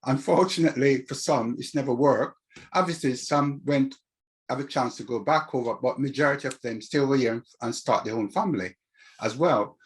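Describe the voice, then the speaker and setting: A man's voice: mid-range voice, moderate pace. An older man with a Caribbean accent, talking reflectively as an interview guest about his own experience. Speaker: interview guest, community activist.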